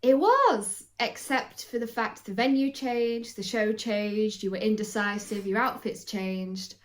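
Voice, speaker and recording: A woman's voice: mid-range voice, unhurried. A woman chatting casually as co-host, giggling often between remarks. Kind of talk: casual chat.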